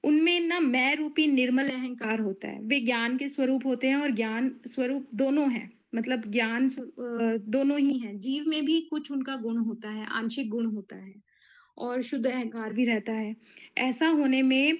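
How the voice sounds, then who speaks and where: A woman speaks in a slightly high voice as she gives a devotional discourse. She explains each point at a measured pace, pausing often and using fillers as she gathers her thoughts. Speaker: spiritual speaker.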